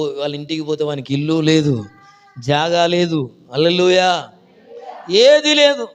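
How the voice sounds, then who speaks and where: A male pastor with a Telugu accent telling a story in a lively sermon, calling out hallelujahs and questions to his congregation. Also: mid-range voice.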